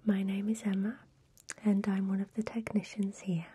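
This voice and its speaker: A woman speaking in a soft, breathy whisper, giving a calm ASMR tutorial as a spa technician. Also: mid-range voice, normal speed, a little hiss or hum.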